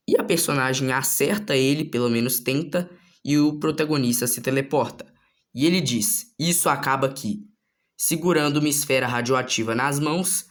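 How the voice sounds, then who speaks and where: Dude casually walking through his own manga chapter, slangy and relaxed, medium-pitched voice. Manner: relaxed and slangy, with frequent filler tags. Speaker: manga author.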